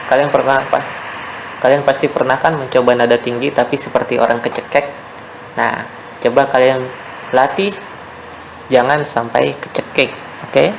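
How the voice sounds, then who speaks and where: Seorang guru pria memberi pelajaran musik daring untuk murid sekolah, dengan sabar mengulang poin penting dan sering bertanya "ya" atau "oke". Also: male voice, medium pitch, creaky, background noise. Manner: patient, repeats key points, checks in with "ya" and "oke". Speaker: teacher. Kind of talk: online music lesson for schoolchildren.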